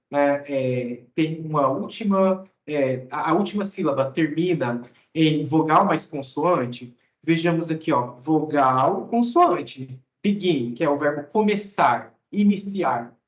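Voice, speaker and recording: A man's voice: on the high side, animated, slow. Brazilian male English teacher, raised voice, explanatory and patient, roomy lo-fi recording. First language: Portuguese. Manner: explanatory, checks in with "né?" and "tá?". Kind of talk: explaining grammar lesson. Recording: roomy, dull lo-fi sound.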